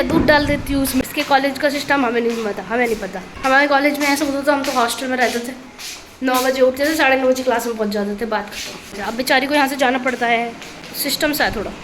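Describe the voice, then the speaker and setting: A young woman with a hoarse throat from a cold, chatting in a rambling, self-mocking way as she vlogs her day. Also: sits high, background noise. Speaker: vlogger. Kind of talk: casual vlog chat.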